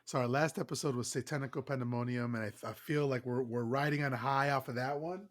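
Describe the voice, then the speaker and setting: A podcast co-host with a stuffed-up nose talks fast in a nasal, medium-pitched voice with fairly even intonation. The chat is casual, and he's enthusiastic and swears freely.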